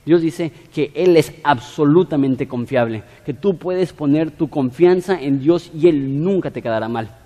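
A man's voice: fairly high pitch, a little slow, few pauses, mellow. A man preaching a sermon, explaining word meanings with everyday examples to a congregation. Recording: long hall reverb.

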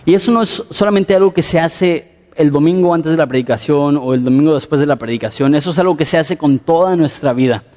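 A man preaching a sermon, animated and conversational with frequent fillers. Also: fairly high pitch, fairly quick, big-room sound.

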